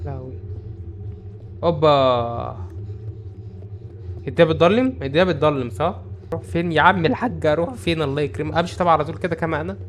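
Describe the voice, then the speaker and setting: A young man with an Egyptian Arabic accent doing excitable let's-play commentary, talking back to the game's characters. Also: fairly high pitch, fast talker, long pauses, slight background noise. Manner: excitable, talks to the game characters. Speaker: gaming YouTuber. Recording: game music behind voice. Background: game music.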